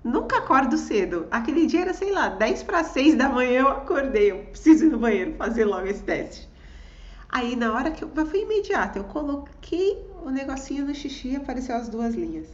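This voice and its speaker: A woman with a fairly high voice tells a personal story in a casual chat, animated and quick to act out what people said and to laugh. The sound is echoey and a little dull, as if from a lo-fi recording. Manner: animated, acts out quoted voices, laughs often. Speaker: guest telling a personal story.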